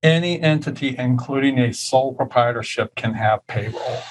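A man's voice: medium pitch, moderate pace, poor audio. A man co-hosting a tax question show, explaining retirement plans and rules in a careful, practical way. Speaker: tax advisor co-host. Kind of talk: casual tax Q&A chat.

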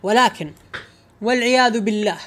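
Man, rapid delivery, exasperated rant, casual gaming talk. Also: high-pitched, a bit bright. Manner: exasperated, ranting, emphatic. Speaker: gaming podcast co-host.

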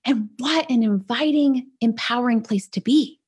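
A woman's voice: fairly high pitch, moderate pace, a little mellow, husky. A woman coach hosting a live teaching talk, chatty and upbeat, leaning on "like" and "right?" and laughing often. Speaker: business sales coach, show host.

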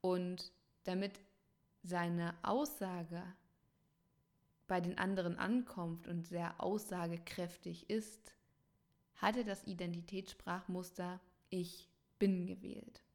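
A woman coaching her listeners in a calm, measured reflective talk, addressing them directly. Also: fairly low pitch. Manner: slow, thoughtful pauses.

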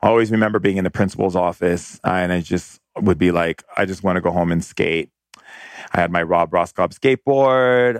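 A man's voice: sits low, dry recording. A man in his fifties, from Hawaii, talking about his own past in a rambling, reflective way with many fillers. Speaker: shamanic spiritual speaker. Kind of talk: personal storytelling monologue.

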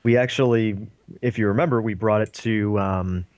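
A man with a low voice co-hosting a casual podcast, speaking in a halting way with many fillers. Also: steady tone, a little mellow, dry recording. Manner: halting, filler-heavy delivery. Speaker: podcast co-host.

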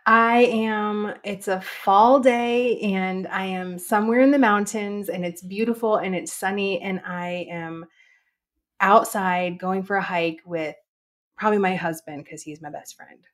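A woman's voice: mid-range voice, fairly even intonation, a little slow. A woman guest on an interview show, talking in a bubbly, giggly way with many fillers. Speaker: guest author and fitness instructor. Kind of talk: casual interview.

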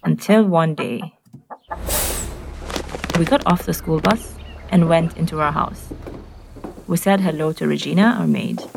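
A woman from Nairobi with a Kenyan accent, narrating a scripted personal story in clear, simple short sentences. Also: low-pitched, a little mellow, slight background noise, rough recording.

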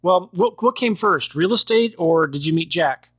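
Male podcast host, breathy and upbeat, dry close mic. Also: a little high, expressive, moderate pace, no room sound. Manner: chatty, upbeat, laughs while talking. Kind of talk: casual podcast interview.

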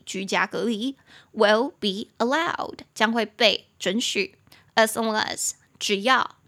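A young woman hosts an English vocabulary lesson for podcast listeners, her voice sitting a little high. She repeats each key word and spells it out slowly, letter by letter, switching easily between explanation and English terms. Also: bright, forceful tone. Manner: repeats words and mixes Mandarin with English. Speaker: English teacher and podcast host.

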